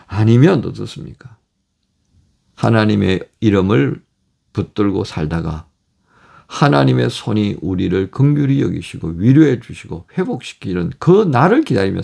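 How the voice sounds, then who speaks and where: Gravelly, animated male pastor. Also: mid-range voice, moderate pace. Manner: animated, acts out God and fathers in quoted speech. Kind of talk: daily devotional sermon.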